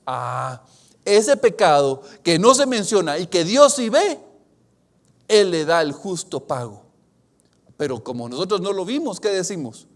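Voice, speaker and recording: High-voiced preaching man, loud then hushed. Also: big pitch swings. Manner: swings from loud emphatic bursts to hushed, drawn-out phrases; confessional and earnest, reads scripture aloud. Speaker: pastor. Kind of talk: sermon.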